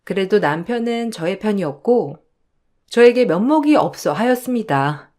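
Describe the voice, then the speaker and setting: Lively woman narrating a story. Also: mid-range voice, moderate pace. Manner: lively first-person storytelling. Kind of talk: radio-drama story narration.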